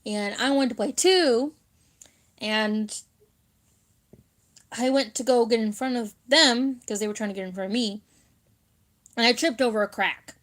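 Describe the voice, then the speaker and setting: A woman's voice: a little high, unhurried, long pauses. A young woman chatting casually to her viewers, telling childhood stories with frequent giggles and filler words. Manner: giggly, laughs often while telling stories. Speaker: vlogger. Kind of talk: casual storytelling chat.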